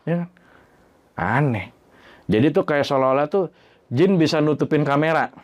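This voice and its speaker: A man telling his own horror story in a casual, slangy way. He swears freely and acts out the bangs and creaks he heard. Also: on the high side, moderate pace. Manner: animated, imitates sounds like bangs and creaks.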